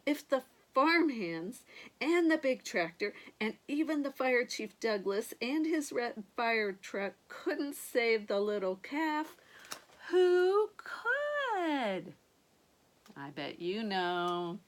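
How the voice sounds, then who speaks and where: Sweet old lady reading a kids story, kinda high voice, really up and down, takes her time. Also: lively intonation, takes it slowly. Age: older. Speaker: grandmother reading picture books to children. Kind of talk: animated read-aloud storytelling with asides to young listeners.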